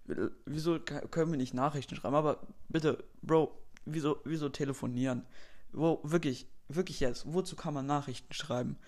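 A man's voice: medium pitch, takes it slowly. A man playing an annoyed young man who hates phone calls, stammering through exasperated complaints. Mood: irritated.

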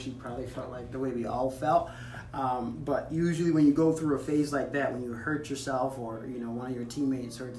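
Brief: relaxed soccer player in his 30s, from Africa, chatty, off-mic in an echoey room. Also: mid-range voice. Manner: easygoing, many "you know" fillers. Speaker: soccer player being interviewed. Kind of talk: casual interview. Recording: roomy, distant mic with faint noise.

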